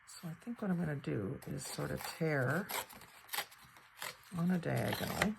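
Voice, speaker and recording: Her voice is low and gravelly yet swings widely in pitch, with a slight crackle and hoarseness from a cold. As a craft channel host, she narrates cutting and gluing a paper project in a relaxed tutorial, chatting and musing aloud without hurry. There's a soft hum of room ambience in the background.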